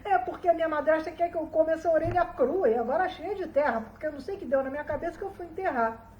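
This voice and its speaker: Woman doing a pleading little boy, high, roomy echo. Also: fast, dull audio, a little hiss or hum, natural voice. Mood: plaintive. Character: hungry, put-upon young boy.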